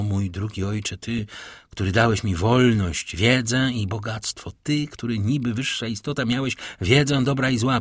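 A noble count from a classic novel, grave and measured in every word, as the narrator puts him on. The voice sits low and husky, dry and close. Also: male voice, dry recording, heavily acted. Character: grave, noble, wealthy count, once a prisoner.

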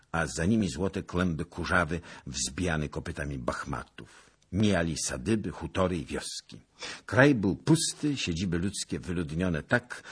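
A man narrating an audiobook in a dramatic, expressive reading style. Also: low voice, breathy edge. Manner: expressive, swelling with the action.

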